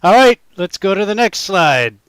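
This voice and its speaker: A man with a high voice talks through his home cooking video in a casual, chatty way, joking at himself and speaking straight to his viewers. He is recorded close and dry, with no room sound around him. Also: big pitch swings, normal speed, fairly bright tone, smooth, no room sound. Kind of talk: casual cooking vlog narration.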